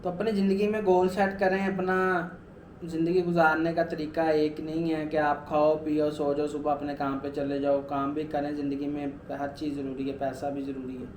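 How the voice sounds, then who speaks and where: A young man in his twenties with a high-pitched voice speaks straight to his viewers in a personal vlog. He talks earnestly and keeps circling back to the same urging points. The room gives his voice a strong echo, with faint noise underneath. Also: flat delivery, moderate pace, a little mellow. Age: 20s. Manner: earnest, repetitive motivational urging. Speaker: vlogger. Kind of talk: personal weight-loss vlog.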